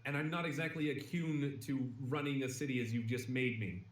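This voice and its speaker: A man's voice: mid-range voice, a little fast, lightly acted. A man voicing an anxious noble lady who pleads hesitantly, recorded in an echoey room, far from the mic.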